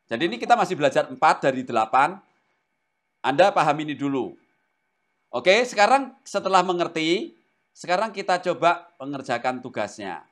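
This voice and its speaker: A man's voice: on the high side, moderate pace. A man teaching a Greek language class who keeps quizzing his students. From Indonesia. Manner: animated, asks the class questions often. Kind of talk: classroom lesson.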